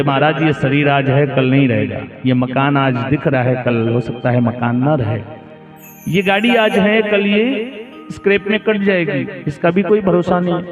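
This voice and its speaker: A man giving a devotional sermon, storytelling and asking the audience rhetorical questions. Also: a little high. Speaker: katha preacher. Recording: echoey hall, phone-like lo-fi sound with music. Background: instrumental music.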